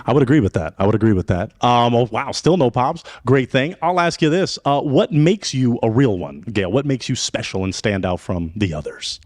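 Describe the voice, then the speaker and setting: A man runs a dating game show with a showman's patter, his pitch swinging high and low. He sounds close and dry, without room echo. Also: moderate pace, few pauses. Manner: animated, showman emcee patter.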